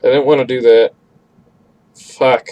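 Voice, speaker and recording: A male streamer talks loosely as he draws, rambling between thoughts and swearing freely. His pitch sits in an ordinary middle range, and he takes his time with his words. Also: fairly even intonation, measured pace, dull audio. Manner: rambling, profane. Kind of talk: casual chat while drawing on stream.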